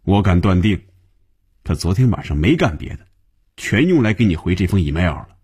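A man's voice: on the low side, sing-song, moderate pace, darkish tone, husky. A man voicing an impatient male office manager who scolds and lectures in an audiobook. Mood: lecturing.

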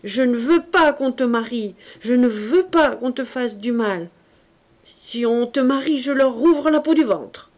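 A woman reading an audiobook voices a frantic, desperate young man, shouting and pleading. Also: a little high, lively intonation, unhurried, voice pushed up. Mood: raging.

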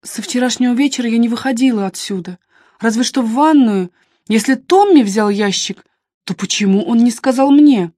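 A woman's voice: fairly high pitch, normal speed, warm tone, no room sound, studio quality, lightly acted. A woman voicing an anxious young female photographer in an audiobook, speaking in an agitated, emphatic way. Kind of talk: audiobook character reading.

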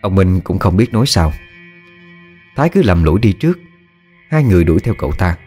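A man calmly narrating a scripted ghost story. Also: sits low, brisk, faint music behind.

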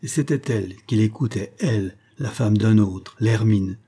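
Male narrator for a classic novella, mellow and low, expressive. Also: normal speed, husky. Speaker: audiobook narrator. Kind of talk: scripted narration of a classic story.

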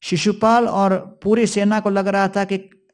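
Male preacher, devotional storytelling discourse, quotes Sanskrit verses, high voice. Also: level tone, unhurried. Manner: storytelling, quoting Sanskrit verses, mixing in English words.

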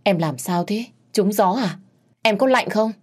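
A woman's voice: mid-range voice, animated, unhurried, slightly rough, pitched above the performer's own voice. A woman voicing a caring older sister figure who asks anxious questions. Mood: worried.

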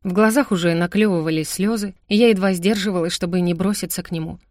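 A woman's voice: fairly low pitch, fast, a little mellow, no room sound, clean studio sound. A woman narrating a romance audiobook in the first person, in an emotional, dramatic reading style.

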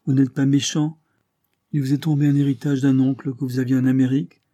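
A man's voice: medium pitch, level tone, fairly quick, warm tone, dry recording, pitched above the performer's own voice, natural voice. A man voicing a fretful, devoted old servant woman who pleads and fusses. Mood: pleading. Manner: pleading, fussing.

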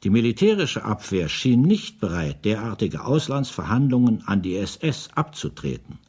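A male narrator reading documentary-style radio drama narration in a sober, measured way. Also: on the low side, big pitch swings, darkish tone, breathy edge.

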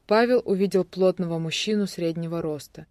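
Give me a steady audiobook narrator with a dry, close sound. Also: medium pitch, fairly quick, no echo.

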